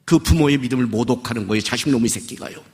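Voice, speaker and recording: A man's voice: medium pitch, quick pace, darkish tone. A man preaching as a pastor, scolding and firing off rhetorical questions. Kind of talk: sermon. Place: worship service.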